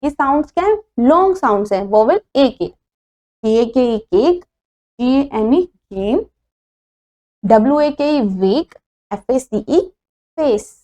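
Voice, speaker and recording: A woman's voice: high voice, animated, slow pace, long pauses, dark tone. A woman teacher with an Indian accent, giving a phonics lesson in Hindi and English, spelling each word letter by letter before reading it.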